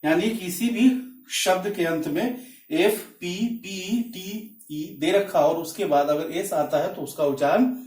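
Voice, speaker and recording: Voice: mid-range voice, measured pace, darkish tone. A teacher giving a phonics lesson, explaining step by step and spelling words out letter by letter. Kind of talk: classroom-style phonics lesson. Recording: echoey room, mic at a distance.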